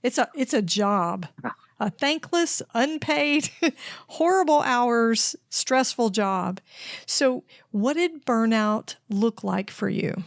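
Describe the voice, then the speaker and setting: A woman's voice: fairly high pitch, animated, slow pace, no room sound. Woman podcast host, close and dry. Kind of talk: interview hosting.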